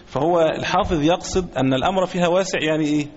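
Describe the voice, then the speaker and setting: Egyptian guy giving a religious lesson, kinda high voice, slow and repeats himself, muffled echoey hall recording. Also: darkish tone. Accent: Egyptian Arabic. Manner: deliberate, repeats phrases, chants quoted takbir slowly. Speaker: sheikh teaching a religious text. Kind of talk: religious lesson explaining a book. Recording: echoey hall, dull lo-fi sound.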